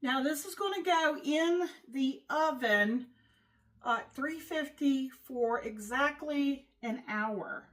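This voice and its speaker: A woman's voice: high-pitched, slow pace, low-quality recording. A middle-aged woman hosting a home cooking show, chatting homey and loose with lots of fillers as she walks through a recipe. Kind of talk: casual cooking demonstration.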